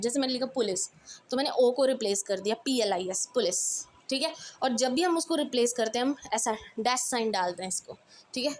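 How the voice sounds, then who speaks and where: A woman English teacher, giving a brisk exam revision lesson that mixes Hindi and English and checks in often with her students. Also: a little high, slight background noise.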